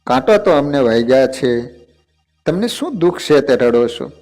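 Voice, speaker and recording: એક પુરુષ ભજવે છે રમતિયાળ, ભૂખ્યા દિવ્ય ભગવાન. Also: male voice, sing-song, normal speed, darkish tone. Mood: playful. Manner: raised pitch, playful and demanding. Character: playful divine young man, hungry and tired.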